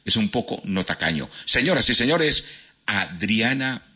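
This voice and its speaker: A man's voice: lowish voice, big pitch swings, a little slow, pushed and bright, breathy edge. A man with a Cali Colombian accent hosting a live radio quiz, playful and teasing as he reads out listeners' answers. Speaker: radio host. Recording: lo-fi radio broadcast.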